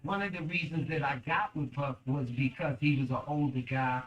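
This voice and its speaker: A man's voice: mid-range voice, steady tone, normal speed, reverberant, far from the mic, highs cut off. Male interviewee, ex-bodyguard, blunt and plain-spoken; mic set back. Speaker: former bodyguard giving testimony. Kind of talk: documentary interview testimony.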